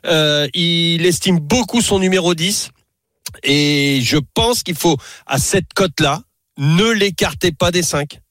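A man talks through his racing picks on air in a loose, halting way, full of fillers and restarts. His voice sits slightly high. The studio sound is dry and close. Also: a bit bright, no room sound. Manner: hesitant, many fillers and restarts. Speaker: racing tipster. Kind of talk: casual radio talk.

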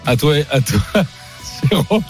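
Brief: male radio quiz host, fairly high voice, wildly animated delivery. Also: a little slow, faint music behind. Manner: teasing, theatrical swings in pitch.

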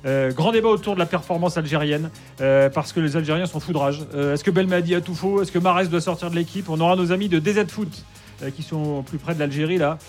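Sports radio host guy, kinda high voice, chatty, laughs a lot, music faint behind. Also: fast talker. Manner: chatty, laughs often, many fillers. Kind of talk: live sports radio chat. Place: studio on location.

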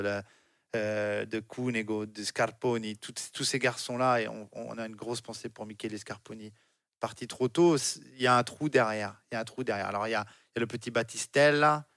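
A man's voice: mid-range voice, a bit bright, dry recording. A French man working as a cycling consultant, speaking with passion in a radio studio and often repeating words as he restarts. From France. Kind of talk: lively radio studio discussion.

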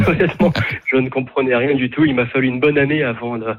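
A man's voice: medium pitch, brisk, no room sound. A man in his thirties from France, calling in to chat and talking hesitantly, with many fillers and restarts. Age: 30s. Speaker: caller. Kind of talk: casual chat on a phone line. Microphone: phone. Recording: tinny phone line.

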